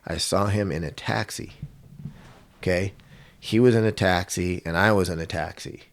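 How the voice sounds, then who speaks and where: Deep-voiced man telling a lively story. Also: normal speed, creaky. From Washington state, US. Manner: animated storyteller, acts out quotes with big pitch jumps. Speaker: MMA coach, podcast guest. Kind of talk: casual storytelling interview.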